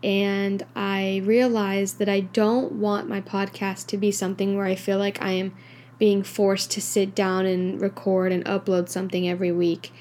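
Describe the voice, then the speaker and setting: A woman's voice: medium pitch, darkish tone, slight background noise. Young woman, podcast host, casual solo talk, candid and rambling, tired, lots of filler words. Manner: candid, rambling, heavy use of filler like and you know. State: tired, yawning.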